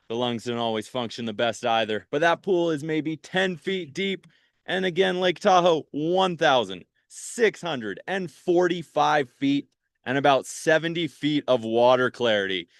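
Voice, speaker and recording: A man's voice: medium pitch, normal speed, smooth, no room sound, clean studio sound. A man hosting a live virtual park field trip from a patrol boat on a lake, talking in an upbeat, chatty way with viewers. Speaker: park program host.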